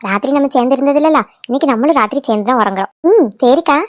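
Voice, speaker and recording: A woman's voice: sits high, expressive, racing, no echo, clean studio sound. A woman voicing a chatty, fretful older village mother-in-law in a cartoon. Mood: fearful.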